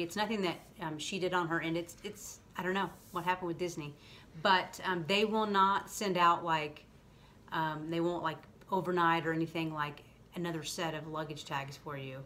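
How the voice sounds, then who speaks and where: Low-voiced woman, casual rambling vlog host. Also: fairly even intonation, moderate pace, bright, forceful tone. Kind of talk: casual explanatory chat. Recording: faint background noise.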